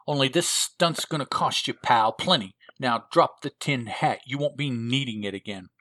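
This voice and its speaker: A menacing comic-book gangster thug, gruff and bossy, read out by a man in his own voice. The voice stays at an ordinary middle pitch, and the recording is close and dry. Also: moderate pace, a bit bright, dry recording, natural voice.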